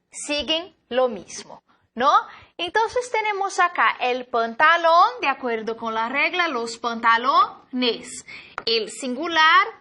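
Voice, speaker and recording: Woman teacher, high bright voice, talks slow and spells out each word, keeps asking if students are with her. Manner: slow, careful model pronunciations of words; checks in with tag questions to students. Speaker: language teacher. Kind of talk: recorded online class.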